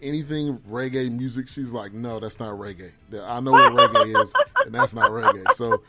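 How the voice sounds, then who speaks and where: A man's voice: mid-range voice, huge pitch swings, normal speed, music in the background. A man hosting a casual interview show, friendly, with loose phrasing and frequent repeats. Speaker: show host.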